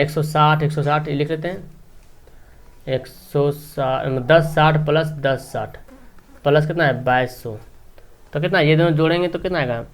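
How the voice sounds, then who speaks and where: A man with a somewhat high voice walks through a maths problem step by step as he writes. He speaks in plain teaching tones and keeps checking in with short tag questions, pausing and restarting between steps. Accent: Hindi regional, Bihar. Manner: talking while writing, frequent tag questions. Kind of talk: explaining maths at a board.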